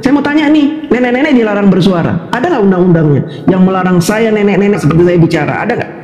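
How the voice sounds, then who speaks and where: An older woman livestream commentator rants in a casual, combative monologue, firing indignant rhetorical questions and laughing mockingly. Her medium-pitched voice is warm, animated, and fast, in an echoey room with long reverb.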